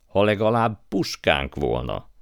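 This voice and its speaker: A man voicing a greedy, pompous elderly uncle who gets excitable and boastful. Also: deep voice, vocal fry, dry recording, clean studio sound, voice pushed up, full character voice.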